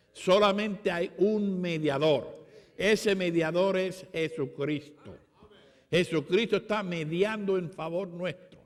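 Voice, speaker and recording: A Puerto Rican man preaching a sermon at a conference, with emphatic, repeated declarations. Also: sits high. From Puerto Rico. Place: conference hall. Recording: long hall reverb.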